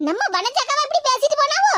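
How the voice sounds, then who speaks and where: A woman with a Tirunelveli Tamil accent voicing a fussing, curious neighbor woman in a cartoon, with sped-up, high voice. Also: very animated, pushed and bright, slight background noise, heavily acted. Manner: quick, fussing questions and homely chatter. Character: concerned older neighbor woman, curious about gossip.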